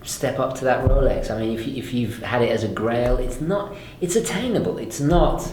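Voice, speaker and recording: A man's voice: mid-range voice, lively intonation, normal speed, echoey room, background noise. Chatty man hosting a watch chat. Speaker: host. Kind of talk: casual chat.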